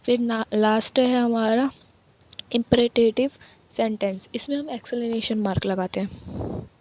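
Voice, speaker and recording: A woman with an Indian accent, a native Hindi speaker, teaching an exam-prep lesson. She reads English lines slowly, then explains them in Hindi. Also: fairly high pitch, steady tone, highs cut off, a little hiss or hum.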